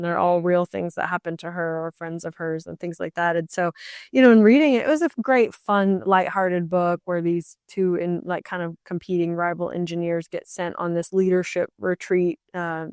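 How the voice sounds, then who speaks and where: A woman's voice: lowish voice, a little mellow, smooth, no echo. Chatty woman co-hosting a book podcast. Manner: chatty, rambling with many fillers. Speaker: podcast co-host. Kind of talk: casual book chat.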